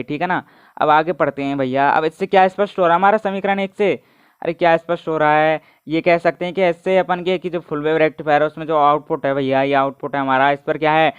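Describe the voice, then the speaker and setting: A man teaching a physics class on video with lots of energy. He keeps prodding his students with questions and answers them himself. His fairly high voice comes through very clear and close, on a dry, slightly dull, lo-fi recording. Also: no room sound. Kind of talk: online video lecture.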